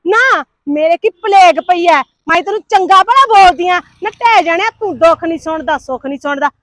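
Brief: a woman as a very high, bright-voiced nagging wife, dry close sound. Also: animated, moderate pace, no echo. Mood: scolding. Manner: nagging, quarrelsome, sharp-tongued. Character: jealous, scolding older sister and wife. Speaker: actor in a family comedy skit.

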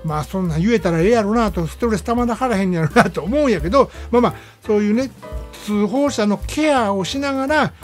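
A radio host with a Kansai Japanese accent talks at a quick pace in a mid-range voice, walking casually through a movie review in a conversational, explanatory style with frequent "ne" tags. Music plays in the background behind the voice.

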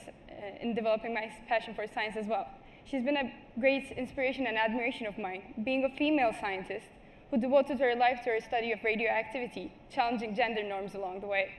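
A woman's voice: on the high side, a little hiss or hum. Earnest teenage girl giving a stage talk. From Turkey. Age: teens. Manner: earnest, with small restarts and apologies. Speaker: student speaker. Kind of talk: prepared conference talk. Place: large stage before a seated audience. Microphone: headset mic.

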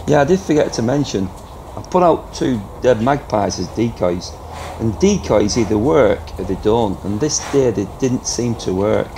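A middle-aged man with an animated voice chats to the camera at a moderate pace about airgun pest control, filming from a farm building loft indoors. He's low-key and chatty, dropping fillers like "you know," while noisy outdoor-farm ambience fills the background.

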